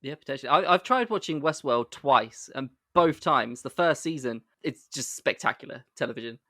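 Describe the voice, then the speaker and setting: A man's voice: medium pitch, lively intonation, moderate pace, pushed and bright, no echo, studio quality. A man co-hosting a casual podcast chat, friendly and easygoing. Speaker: podcast co-host.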